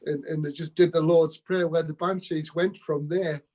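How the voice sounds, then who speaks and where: A man's voice: a little high, steady tone, normal speed, darkish tone, poor audio. A man being interviewed, telling rambling anecdotes about his music days with laughs and quotes. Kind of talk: casual storytelling interview.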